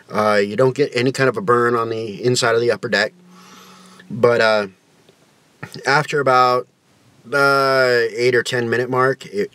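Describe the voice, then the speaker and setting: A man's voice: mid-range voice, fairly bright tone, dry recording. A man talking with his lip full of dip, giving a folksy, rambling casual review to camera. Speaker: product reviewer.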